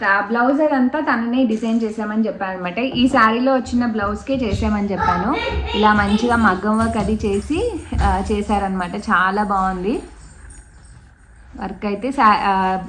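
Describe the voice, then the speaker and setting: A woman chatting casually in a home vlog as she shows off a parcel, slipping English fillers into her talk. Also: medium pitch. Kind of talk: casual show-and-tell vlog. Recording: roomy home room with faint background noise.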